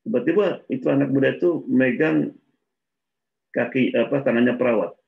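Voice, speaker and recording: A man's voice: mid-range voice, moderate pace, gravelly. A man preaching in a casual religious talk, telling stories and acting out the dialogue with a laugh between points. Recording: dull lo-fi recording.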